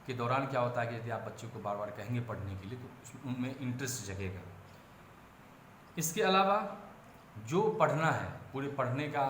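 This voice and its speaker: Male lecturer, mid-pitched, explanatory delivery with self-corrections and stressed example words, in a roomy space with faint background hum. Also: a bit bright. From India. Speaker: education lecturer. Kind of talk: classroom-style lecture. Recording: roomy echo, faint ambience.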